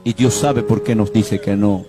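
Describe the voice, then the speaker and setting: A man's voice: fairly low pitch, steady tone, unhurried. Emotional preaching man over music. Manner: emotional storytelling preacher, addresses the congregation directly. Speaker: pastor. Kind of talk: sermon. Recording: music playing behind. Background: instrumental music.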